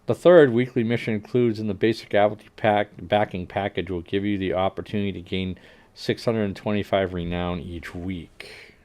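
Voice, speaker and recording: A livestream host with a fairly low, steady voice reads game update notes aloud at a moderate pace in loose, casual commentary. He stumbles over numbers with frequent fillers and restarts, then adds dry, wry asides that trail off into a quiet mutter. He is a native English speaker.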